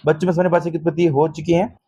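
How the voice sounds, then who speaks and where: This exam-prep lecturer from Rajasthan speaks in a somewhat higher yet dark-toned voice, keeping a level tone, with a little hiss or hum in the recording. He calls his students "beta" and patiently repeats points while asking quick checking questions.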